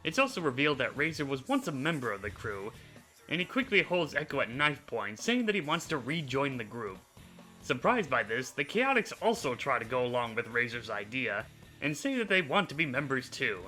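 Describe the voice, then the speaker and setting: A man hosting a video, narrating a character recap in an animated storytelling manner. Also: mid-range voice, a little fast, faint music behind, low-quality recording. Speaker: host. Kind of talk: scripted narration.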